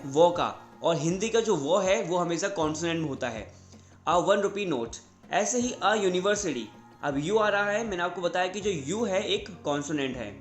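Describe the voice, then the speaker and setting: A man's voice: sits high, roomy sound. A man teaching English grammar in Hindi, explaining step by step and answering his own questions.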